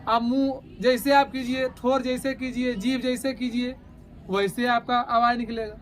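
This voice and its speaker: High-voiced man teaching a grammar lesson. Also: level tone, a little hiss or hum. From India. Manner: asks students questions and answers himself; drawn-out sounding of letters.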